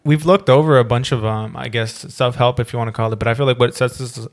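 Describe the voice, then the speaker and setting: A man's voice: mid-range voice, fairly even intonation, fast talker, dry recording. Young male co-host, loose, joking banter, dry booth sound. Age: young adult. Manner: loose and joking, swears, laughs often. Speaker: podcast co-host. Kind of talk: casual podcast chat.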